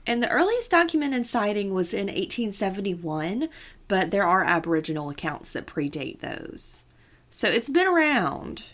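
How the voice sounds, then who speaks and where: A woman chatting on a podcast, explaining things in a playful, storytelling way. She tosses in jokes and little asides as she goes, in a voice of middling pitch. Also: sing-song, normal speed, fairly bright tone. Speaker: podcast co-host. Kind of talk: casual podcast chat.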